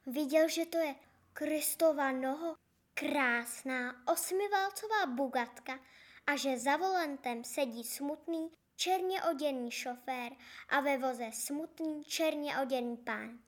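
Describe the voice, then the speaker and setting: Female storybook narrator, high voice, expressive read. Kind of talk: fairy-tale audiobook narration.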